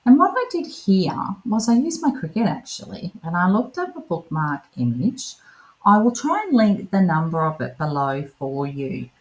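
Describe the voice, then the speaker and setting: Low-pitched middle-aged woman, casual craft voice-over, chatty and self-mocking. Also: big pitch swings, normal speed, rough recording. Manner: chatty, self-deprecating, calls viewers "lovelies". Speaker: craft vlogger.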